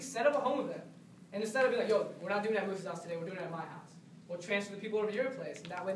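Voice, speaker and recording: A man's voice: sits high, slight background noise. A young man giving a casual, pushy sales training to a team, repeating words and saying "like" often. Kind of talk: motivational training talk. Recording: echoey room, voice from a distance.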